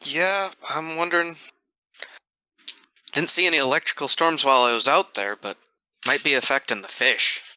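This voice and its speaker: A man's voice: a little high, normal speed, pauses often, bright, forceful tone, no room sound, rough recording. A man voicing a plainspoken fisherman in a tabletop game. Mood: weary. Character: weary male fisherman, plainspoken.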